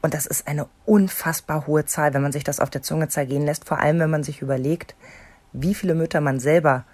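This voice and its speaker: A woman co-hosting a podcast, telling stories in a lively way and acting out what people said. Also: deep voice, a little fast. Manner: animated storyteller, acts out quotes. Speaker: podcast co-host. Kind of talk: casual podcast chat.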